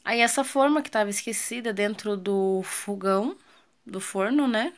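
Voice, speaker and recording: A woman's voice: mid-range voice, normal speed. A woman with a Brazilian Portuguese accent, a home vlogger and mother, casually narrating her kitchen cleaning and chatting with viewers. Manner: chatty, asks viewers questions, trails off with fillers.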